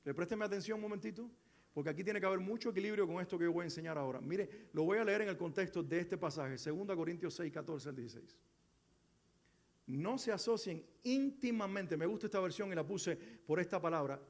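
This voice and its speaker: A man's voice: high-pitched, lively intonation, fairly quick. A middle-aged male pastor preaching a sermon, earnest and exhorting, with many rhetorical questions. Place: church sanctuary. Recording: echoey church hall.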